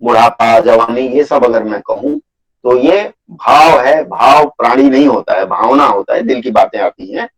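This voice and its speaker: A man teaching a Hindi grammar class over a video call, patiently repeating his points and slowly listing example words for students. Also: medium pitch, rough recording. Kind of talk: live online class lecture.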